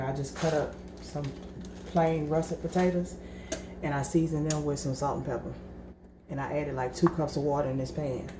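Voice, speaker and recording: A woman vlogger cooking at home, talking casually and rambling, calling her viewers y'all. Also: low voice. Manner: chatty and rambling, keeps addressing viewers as y'all. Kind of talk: casual cooking vlog chat. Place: home kitchen. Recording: echoey room with background noise.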